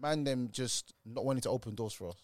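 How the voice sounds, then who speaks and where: A man's voice: medium pitch, fast, darkish tone, dry recording. A man with a London roadman accent chatting casually as a podcast co-host, emphatic and full of street slang.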